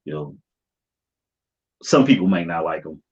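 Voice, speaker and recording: A low male voice with an American accent, coming through slightly dull stream audio. He hosts in a loose, slangy way, talking informally to his viewers as if among friends. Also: expressive, unhurried, a little mellow, husky. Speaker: livestream host of a YouTube channel. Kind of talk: casual livestream chat.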